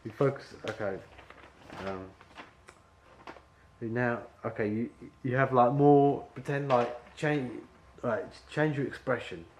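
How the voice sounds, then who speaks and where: A man's voice: mid-range voice, takes it slowly, a little hiss or hum. A man directing an actor at an audition, rambling and full of fillers as he explains the scene. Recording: echoey room with faint ambience.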